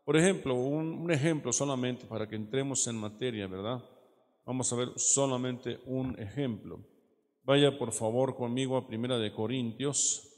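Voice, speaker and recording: A man teaches a sermon in a church hall, his voice trailing off into a long reverb. He explains patiently, keeps asking "¿verdad?" and slows to read the verses aloud. His voice sits at an ordinary middle pitch. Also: a little mellow. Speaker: preacher.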